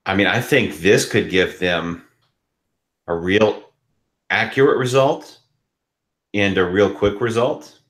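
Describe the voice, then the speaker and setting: A man with a very low voice co-hosting a relaxed podcast. He rambles through his opinions and hedges them with plenty of fillers. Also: takes it slowly, long pauses. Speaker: co-host. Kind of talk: casual podcast chat.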